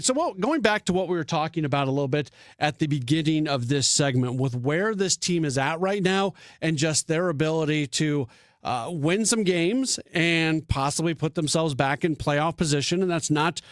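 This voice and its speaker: A man's voice: on the high side, no echo, studio quality. A man hosting sports radio talk, thinking aloud with frequent restarts and fillers.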